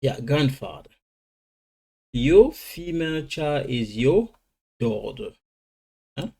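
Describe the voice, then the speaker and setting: Man, Lingala speaker, beginner English lesson, slow word drilling, mellow tone. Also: medium pitch, sing-song, vocal fry, husky. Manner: switches between languages, slow drilling of English words. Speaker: language teacher. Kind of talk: informal vocabulary lesson.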